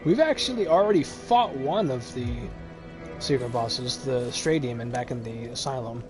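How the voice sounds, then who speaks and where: A man streaming a video game, giving casual, rambling commentary full of fillers and quick chuckles. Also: mid-range voice. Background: game music.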